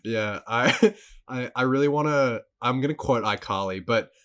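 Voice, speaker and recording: A man's voice: mid-range voice, moderate pace, a bit bright, clean tone. Male podcast co-host, casual and profane, laughs a lot, stumbles over repeated words. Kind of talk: casual chat.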